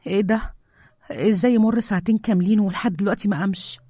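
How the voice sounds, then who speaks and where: A woman's voice: medium pitch, quick pace, darkish tone, dry recording, studio quality, voice pushed up, lightly acted. A woman doing a fierce, tender woman scientist. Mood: angry. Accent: Egyptian Arabic. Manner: soothing with the wolf, heated with colleagues.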